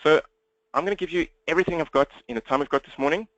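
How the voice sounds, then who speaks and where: Sitting at his desk at home, a South African-accented man gives a live webinar training through his laptop, speaking fast with an upbeat, direct manner. His voice is on the high side and a bit bright, in a rough recording with no echo.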